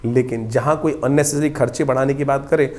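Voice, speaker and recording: A man's voice: mid-range voice, steady tone, a little fast, darkish tone. A man speaking as an astrologer, giving a horoscope talk in an explanatory, advising way.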